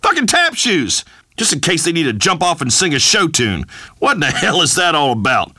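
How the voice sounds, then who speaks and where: A man's voice: a little high, wildly swooping pitch, moderate pace, bright, forceful tone, no room sound, heavily acted. An actor playing a boorish, macho rural radio host who makes pompous, blustering pronouncements to his callers. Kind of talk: comedic talk radio monologue.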